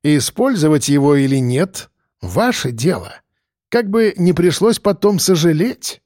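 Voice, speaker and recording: A sadistic male professor purrs his rules slowly and quietly, as a man puts him on. The voice sits raised and lilting, with a dry, close sound. Every word drips with smug poison. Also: fairly high pitch, expressive, dry recording. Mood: mocking. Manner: soft, slow and venomous.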